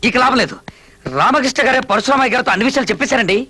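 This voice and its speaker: Quick, scheming sidekick. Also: male voice, very high voice, sharp tone, husky, full character voice. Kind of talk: Telugu film dialogue.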